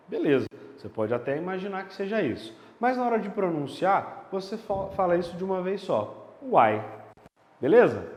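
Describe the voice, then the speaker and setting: Animated man teaching grammar. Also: sits high. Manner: lively, emphatic, checks in with the listener often. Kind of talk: video lesson. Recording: echoey room with long reverb.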